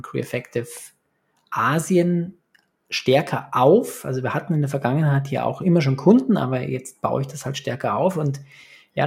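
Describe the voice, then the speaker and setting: Appearing as a podcast guest, a Munich-born man in his forties who works as a business consultant and coach speaks casually, hesitating and repeating himself as he looks for the right words. His voice runs on the high side, gravelly and darkish in tone.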